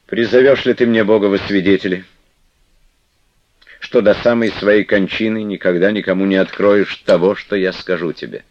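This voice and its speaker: A man's voice: lowish voice, steady tone, normal speed, no room sound, voice pushed up, close to an everyday voice. A man reading the part of a stern but loving elderly abbess in solemn, archaic speech. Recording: dull, dry lo-fi recording.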